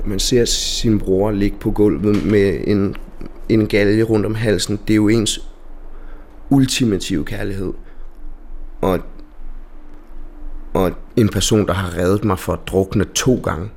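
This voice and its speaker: A man recalling a painful event, halting and often repeating and restarting his phrases. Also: fairly low pitch, steady tone, darkish tone. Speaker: interviewee, bereaved brother. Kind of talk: emotional recollection.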